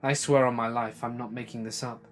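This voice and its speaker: A man narrating a first-person scary story in an earnest, steady way, over faint music. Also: mid-range voice, a little fast.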